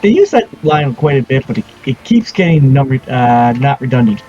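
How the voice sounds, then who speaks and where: A man's voice: medium pitch, very animated, normal speed, warm tone, a little hiss or hum. A man giving casual video game commentary as a streamer, recorded on a dull microphone over game music.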